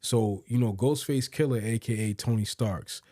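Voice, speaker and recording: A man co-hosting a podcast in casual chat, relaxed and agreeable, often backing up his partner with short affirmations. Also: medium pitch, moderate pace, no echo, studio quality. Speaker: podcast co-host.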